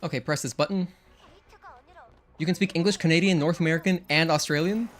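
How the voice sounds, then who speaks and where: A young streamer with a slightly high voice speaks briskly with fairly even intonation, soft music behind him. His first language is Spanish, and he chats casually with viewers during gameplay. He thinks aloud and counts combo hits.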